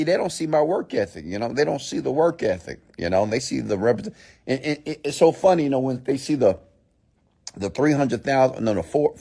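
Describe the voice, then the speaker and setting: A man's voice: medium pitch, vocal fry, dark tone. A man giving a motivational mindset talk in a blunt, scolding, emphatic way, repeating phrases and posing rhetorical questions. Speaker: motivational speaker and host.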